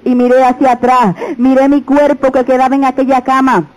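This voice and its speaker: A woman preacher telling her testimony to a church in a slow, solemn, repetitive way. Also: sits high, flat delivery.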